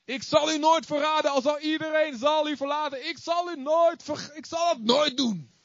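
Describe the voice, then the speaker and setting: A preacher acting out an impulsive, earnest apostle. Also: male voice, very high-pitched, steady tone, moderate pace, no room sound, lo-fi sound, voice pushed up. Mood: earnest vow.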